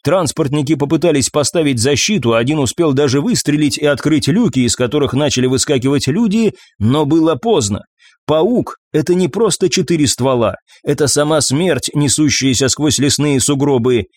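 A man reading an audiobook in a measured, even storytelling voice. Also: fairly high pitch, no room sound. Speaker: audiobook narrator. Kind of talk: scripted narration.

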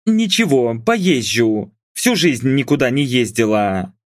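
A man voicing an excitable, nagging middle-aged mother who scolds and argues in a raised, indignant voice. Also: medium pitch, takes it slowly, dry recording, clean studio sound.

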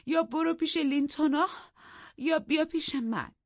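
Catherine is a delirious and furious young wife in a storybook reading, as a woman narrator plays her. She bursts out high and loud, with bitter, overwrought force. The recording is dry and a little dull. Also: no room sound, lightly acted. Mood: bitter, feverish. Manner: raised, overwrought outbursts.

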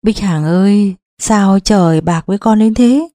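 A woman's voice: mid-range voice, a little slow, warm tone, no room sound, clean studio sound, lightly acted. A woman voicing an anguished loving father. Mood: tender pleading. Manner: pleading, tender. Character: anguished loving father, middle-aged man.

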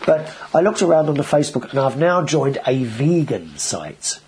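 A man's voice: mid-range voice, very animated, normal speed, darkish tone, slight background noise, low-quality recording. A man hosting a casual video show, talking in a chatty, rambling way with frequent restarts. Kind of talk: casual vlog monologue.

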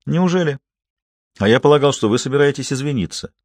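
A man's voice: medium pitch, animated, brisk, dry recording. Man doing a mocking courteous young duelist, icily polite, lifted tone, dry close sound. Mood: mocking politeness. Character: young male deputy, coolly polite and mocking.

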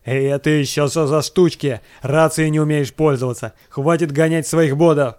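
A man's voice: a little high, steady tone, moderate pace, a little mellow, no room sound, close to an everyday voice. A man voicing a stern starship captain. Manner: firm, barking commands.

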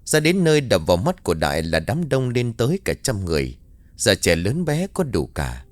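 A man narrating a ghost story in an expressive, scripted storytelling manner. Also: fairly low pitch, moderate pace, no echo.

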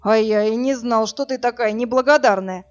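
A woman's voice: fairly high pitch, moderate pace, natural voice. A cocky, brusque tough guy voiced by a woman reader speaks in short, mocking bursts. The recording is muffled, with faint music underneath. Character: burly male rescuer, cocky and brusque. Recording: dull lo-fi audio, faint music.

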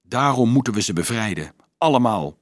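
A man voicing a stubborn, thoughtful teenage boy who talks low and firmly. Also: sing-song, moderate pace, no room sound, studio quality.

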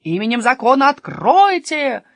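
A woman's voice: lowish voice, animated, normal speed, breathy edge, dry recording. A woman voicing an official male town policeman who speaks formally with authority. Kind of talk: storybook reading.

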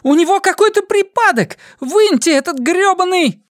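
A man voicing panicked spaceship crew members yelling frantic orders in the middle of a battle. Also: extremely high pitch, expressive, normal speed, no room sound, studio quality, voice pushed up. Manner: frantic shouting.

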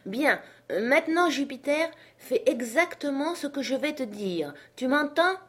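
A woman voicing a feverish gentleman who gives urgent, impatient commands. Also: high-pitched, animated, measured pace, voice pushed up. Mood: commanding.

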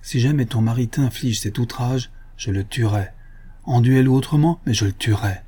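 A man playing a devoted older father who turns indignant and forceful when roused. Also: medium pitch, normal speed, slightly rough, lightly acted.

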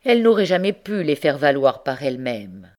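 A woman voicing an indignant, hot-tempered young husband in an audiobook, her voice rising high when outraged. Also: sing-song, moderate pace, a little mellow. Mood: ironic. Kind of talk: audiobook character reading.

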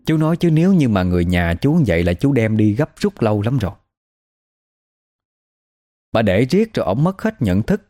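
A man's voice: mid-range voice, mellow, no room sound, clean studio sound. A man with a Southern Vietnamese accent telling a spooky folk story in a chatty, gossipy way. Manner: conversational, gossipy retelling.

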